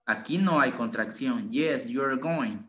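A young male English tutor on a video call speaks at an even middle pitch, patiently and step by step. His online grammar lesson switches between two languages as he explains slowly and keeps asking "right?"

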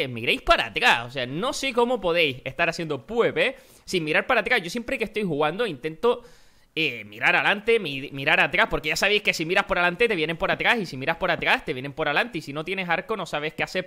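A young man, commentating his own Minecraft match in a rambling, excitable way and breaking into frantic shouts. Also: a little high. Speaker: gaming YouTuber.

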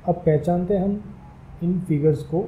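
A man's voice: high-pitched, measured pace, narrow, tinny audio, a little hiss or hum. A man teaching a spoken English lesson, spelling words out letter by letter in a careful, explaining manner.

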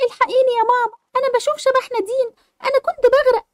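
A woman's voice: very high-pitched, fairly even intonation, rapid-fire. A woman voicing a frightened young girl who is haunted by a ghost and talks in an anxious, pleading way.

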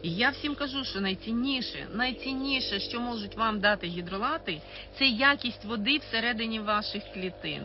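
A woman chatting on a livestream as an aromatherapy seller, animated and openly sarcastic, laughing often. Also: a little high, normal speed, muffled recording, over music. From Ukraine. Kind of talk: casual livestream talk.

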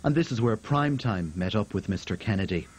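A man's voice: lowish voice, animated, brisk, slightly rough. A man reading a scripted television news report as voice-over.

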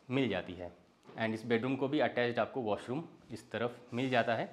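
A young man from India giving a walking tour of a villa's bedrooms, inviting the viewer along in an easy sales patter, mixing Hindi with phrases. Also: mid-range voice. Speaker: real estate tour host. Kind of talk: property walkthrough. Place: indoors, large villa interior, walking room to room.

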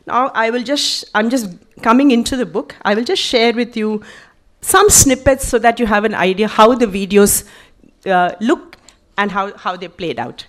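A middle-aged woman speaks on a festival stage about her book. Her voice sits a little high, and she talks in an animated, chatty way, laughing lightly and correcting herself as she goes. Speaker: author presenting her book. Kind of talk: conversational talk at a literary festival.

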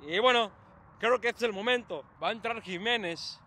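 Excitable young man, very high bright voice. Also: moderate pace. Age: young adult. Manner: excitable, swings from calm play-by-play to shouting bursts. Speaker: vlogger reacting to a match. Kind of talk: live sports reaction commentary. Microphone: handheld camera.

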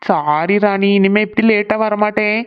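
Meek cartoon husband saying sorry, woman doing him, mid pitch, muffled lo-fi audio. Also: normal speed, clear, resonant tone, natural voice. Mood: apologetic. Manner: pleading, apologetic. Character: apologetic young husband home late. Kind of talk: cartoon voice acting. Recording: dull lo-fi sound.

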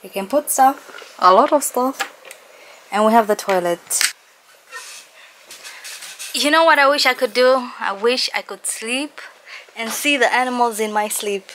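A young woman vlogging to her viewers with lively enthusiasm, recorded on a handheld camera at arm's length. Her voice sits a little high, and clear wind noise runs behind her. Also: unhurried, pauses often. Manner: chatty and enthusiastic, talks to the viewers. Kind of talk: casual travel vlog. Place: outdoors on windy safari grounds.

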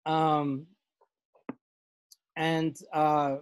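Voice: medium pitch, flat delivery, extremely slow, clear, resonant tone, poor audio. A class leader on a video call, asking questions in a hesitant way with many fillers and repeated words. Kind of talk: leading a class discussion.

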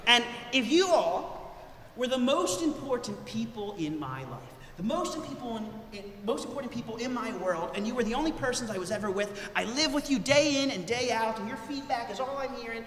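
A male pastor preaching a sermon in an animated way, his voice rising for emphasis. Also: extremely high pitch, brisk, slight background noise. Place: church sanctuary. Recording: echoey church hall with long reverb.

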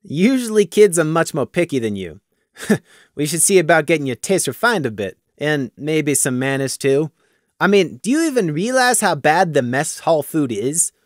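A man's voice: fairly high pitch, sing-song, normal speed, dry recording, clean studio sound, pitched above the performer's own voice. A man voicing an adult male pony guard with an easygoing, teasing manner.

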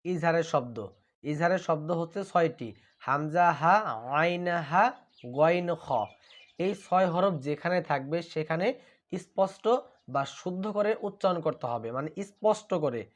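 A man teaching Quran recitation, who draws out each verse slowly and then explains the pronunciation in quicker asides, often calling listeners brother. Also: a little high. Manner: slow drawn-out recitation between brisk explanations; addresses listeners as brother, repeats to drill. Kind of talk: spelling out and reciting verses for learners.

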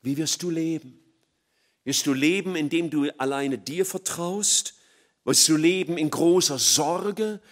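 A middle-aged man preaching an evangelistic sermon, swinging from loud emphatic peaks to hushed, low passages. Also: measured pace.

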